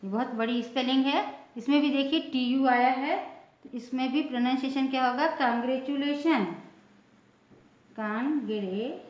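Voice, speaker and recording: A woman's voice: high-pitched, steady tone, fairly quick. A woman teaching English pronunciation, spelling words out letter by letter, asking a question and then answering it herself. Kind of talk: classroom lesson. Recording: echoey room, dull lo-fi sound.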